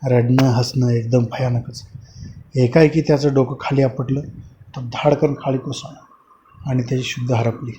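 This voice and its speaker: A man telling a horror story in a slow, dramatic storytelling manner, in a dull lo-fi recording with faint hiss. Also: mid-range voice, steady tone, warm tone. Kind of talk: scripted horror narration.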